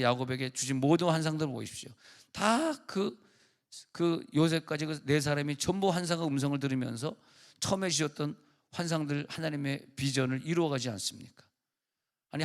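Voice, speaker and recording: A man preaching a sermon as pastor at a church revival service, speaking in a conversational way with stories and acted-out quotes. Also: on the high side.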